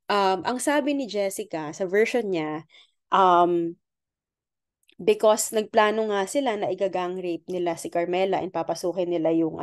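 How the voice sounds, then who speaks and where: A woman's voice: mid-range voice, darkish tone, no echo, clean studio sound. A woman explaining a court ruling in a casual lecture style, often checking in with "okay?" and mixing in English. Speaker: law explainer.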